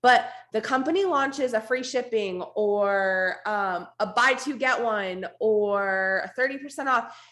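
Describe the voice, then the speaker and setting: A woman with a hoarse, raspy, strained voice gives an informal, emphatic, unscripted motivational team talk on a video call. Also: a little high, measured pace, fairly bright tone. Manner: informal, emphatic, repeats for stress, blunt. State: hoarse, losing her voice, coughing now and then. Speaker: network marketing team leader hosting an online meeting.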